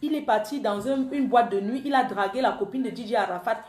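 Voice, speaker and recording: Her voice is a little high, a little fast and a little mellow, echoing around the room. In an emotional live-stream rant, this online commentator, self-styled the panther, keeps accusing a man, speaking directly to him although he's absent.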